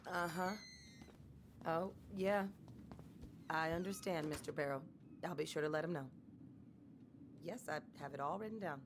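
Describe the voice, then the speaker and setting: A woman's voice: low voice, normal speed, pauses often. An actress playing a polite, chatty woman covering a station's front desk. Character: friendly office worker covering reception. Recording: game audio with ambient noise.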